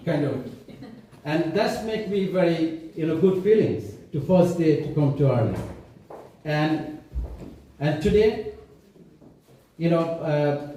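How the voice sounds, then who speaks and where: A middle-aged man from Bangladesh giving a halting speech full of fillers and restarts, as a councillor at an event. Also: a little high, dark tone, slight background noise. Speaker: city councillor. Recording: echoey hall, voice from far off.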